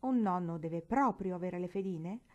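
A proud young boy grumbles about his grievances in an aggrieved, complaining tone, as a woman reading a storybook puts him on. The voice stays mellow and soft-edged. He sounds hurt and indignant. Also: on the low side, normal speed, natural voice.

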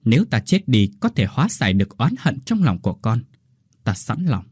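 A man voicing a dying older woman who speaks gently and with remorse in a ghost story. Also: mid-range voice, big pitch swings, normal speed, slightly rough, no room sound, clean studio sound. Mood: sorrowful. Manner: soft and tender.

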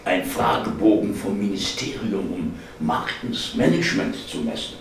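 A male reader voicing a dry, quietly amused office colleague. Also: fairly low pitch, expressive, normal speed, a little hiss or hum, lightly acted. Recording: echoey hall, distant mic.

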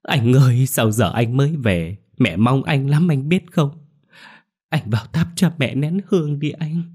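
A scheming young wife from a spoken horror story, shrill and pleading, her fake grief pitched well above the reader's own voice, as a man acts her out. Sweet on the surface and false underneath. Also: normal speed, darkish tone. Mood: wailing.

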